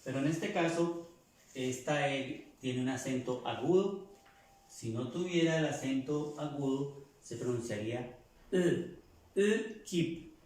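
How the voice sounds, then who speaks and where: A man leads a language lesson at an unhurried pace, saying each word several times so listeners can copy it. His voice sits at a middle pitch and rings in a very echoey room. He sounds set back from the microphone. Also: darkish tone, recorded from a distance. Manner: slow, repeats words to drill pronunciation. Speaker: teacher.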